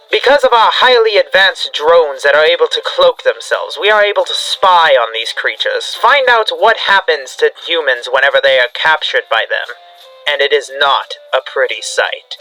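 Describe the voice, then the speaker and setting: A man reads analog horror narration in the form of a field briefing, grave and dramatic in an instructional way, with music in the background. The recording quality is low, and his somewhat high voice sounds pushed and bright.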